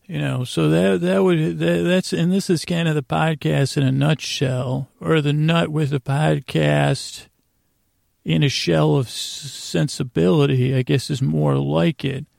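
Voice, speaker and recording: In a rambling bedtime monologue for his sleep podcast, a male host speaks in a slightly high, gravelly, creaky voice. He meanders and hesitates, losing threads and returning to them amid deadpan silliness. The sound is clean studio audio with no room sound.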